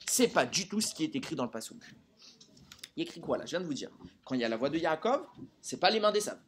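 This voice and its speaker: Male Torah teacher addressing a live group, somewhat high-pitched, very expressive delivery, constantly quizzing his listeners. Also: fast talker, a little hiss or hum. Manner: animated, quizzes listeners with rhetorical questions.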